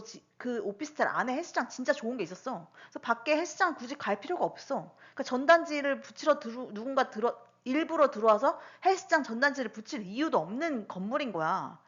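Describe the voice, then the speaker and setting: A woman in her thirties casually recounting personal incidents in a monologue, full of rhetorical questions. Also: high voice. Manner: animated, lots of rhetorical questions and fillers. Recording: dull lo-fi recording.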